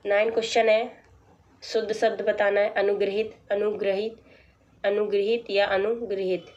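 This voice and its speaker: A woman teacher going through a practice test, reading out each option and then explaining the right answer in a plain, measured way. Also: medium pitch, little pitch movement, a little mellow, lo-fi sound. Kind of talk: exam practice lesson.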